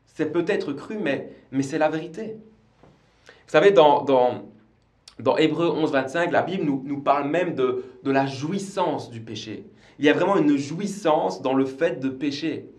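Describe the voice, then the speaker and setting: A man's voice: on the high side, roomy sound. A man preaching a livestreamed church sermon, earnest and repeating words as he goes. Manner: earnest, repeats himself with small stumbles. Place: church service streamed live.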